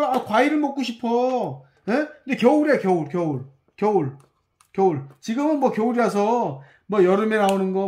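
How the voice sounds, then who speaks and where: Animated lecturer quizzing the class. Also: medium pitch. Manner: repeats key words, quizzes listeners with rhetorical questions and a checking "예?"; explains while drawing and writing on screen. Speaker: university professor. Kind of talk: recorded university lecture.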